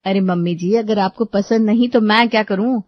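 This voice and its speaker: A modern young daughter-in-law, voiced by a woman in a cartoon story, polite but firm, in an even, mid-pitched voice. The sound is dull and lo-fi and very dry. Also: moderate pace, no echo, lightly acted.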